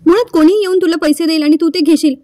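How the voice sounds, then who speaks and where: A woman's voice: very high-pitched, fast talker, dark tone, no room sound, clean studio sound. A woman voicing an angry young man from a TV serial who scolds sharply, read out in a plain voice. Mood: angry scolding.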